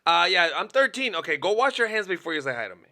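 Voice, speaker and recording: A man's voice: sits high, very animated, quick pace, bright, forceful tone. A man co-hosting a podcast, in playful and laughing casual banter. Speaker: podcast co-host.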